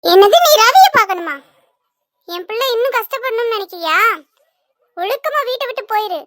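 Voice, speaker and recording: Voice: extremely high pitch, a little fast, a bit bright, dry recording, studio quality. A performer voicing an angry, scornful mother who harshly scolds her son's friend in a cartoon. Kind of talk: cartoon voice acting.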